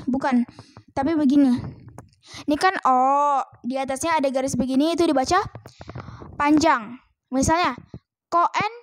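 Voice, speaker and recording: A woman's voice: high voice, dry recording. A woman giving a casual lesson from a book, chatty and hesitant with many fillers. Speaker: self-taught language learner teaching viewers.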